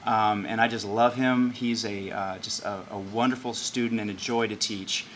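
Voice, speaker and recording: A choir teacher giving a halting award introduction for a student, with many ums and restarts. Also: male voice, on the low side, fairly even intonation, a bit bright, a little hiss or hum.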